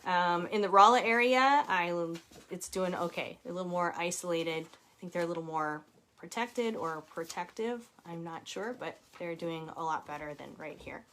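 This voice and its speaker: Hosting a casual live chat from home, an author in her forties reads viewer comments aloud, chatty and warm, laughing often. Her voice sits on the low side at normal speed, with slight background noise.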